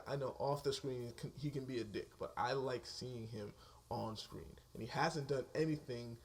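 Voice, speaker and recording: Male vlogger, casual movie-review rant, profane, quick to laugh, mid-range voice. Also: medium pitch. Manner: excitable, profane, laughs often mid-sentence.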